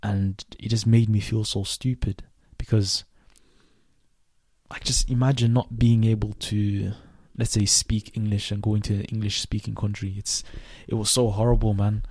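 A man in his twenties, raised in Sweden, hosting a reflective solo podcast in a thoughtful, unhurried way with many restarts. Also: lowish voice, flat delivery, darkish tone, dry recording. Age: 20s. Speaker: podcast host.

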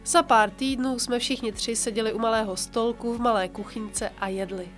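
Calm woman reading aloud over soft guitar. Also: fairly high pitch. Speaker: podcast host and author. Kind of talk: reading a book passage aloud with commentary.

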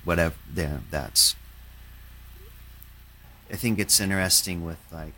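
Deep-voiced, bright-toned man musing aloud. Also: slight background noise. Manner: halting, reflective, many fillers and restarts. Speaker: painter. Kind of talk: casual conversation.

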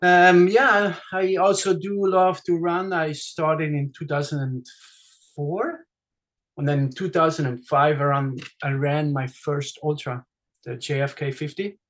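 Guesting on a podcast, a friendly middle-aged man from Switzerland, a race director, talks in a fairly high, slightly bright voice at a measured pace. His intonation stays fairly even, and his Swiss-accented speech is full of fillers and restarts in this casual interview chat.

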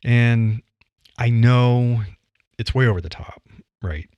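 Speaking slowly in a medium-pitched, darkish, clear and resonant voice, a middle-aged Midwestern man reflects on voice delivery. The podcaster and writer keeps it conversational with light laughs and lots of "you know," though the dry recording sounds muffled.

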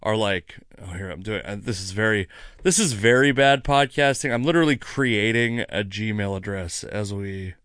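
In a clean, echo-free studio recording, a fairly low, slightly bright male voice talks at a normal speed. The speaker, an American comedian hosting his own podcast, has had a few drinks and rambles alone, mocking himself and swearing a bit.

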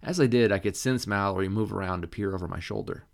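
Man with a low voice narrating a novel. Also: fast talker, vocal fry. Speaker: audiobook narrator. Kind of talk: first-person scripted narration.

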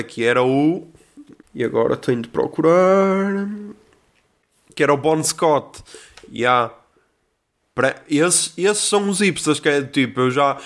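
A young man with a European Portuguese accent, rambling casually as a podcast host and acting out dialogue in quick quotes. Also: a little high. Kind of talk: casual monologue.

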